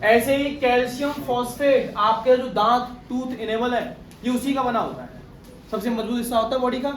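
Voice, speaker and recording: A male chemistry teacher with a very high voice lectures a classroom of students at a moderate pace, often quizzing them with questions. The echoey room, distance from the mic, class murmur, and slight background noise all come through.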